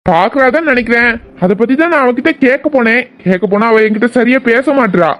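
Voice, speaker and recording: Brief: performer as a doubting, lovesick young guy, mid pitch, dull lo-fi audio drama. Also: expressive, brisk, lightly acted. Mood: doubtful. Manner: hesitant, worried. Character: shy, doubting young man in love. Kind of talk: amateur audio drama acting.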